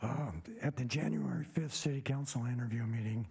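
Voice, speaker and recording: A man in his seventies with a hoarse, raspy, papery near-whisper, giving a prepared self-introduction in a halting, measured way. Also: medium pitch, dark tone. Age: 70s. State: hoarse, recovering voice after a throat tube. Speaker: commission member.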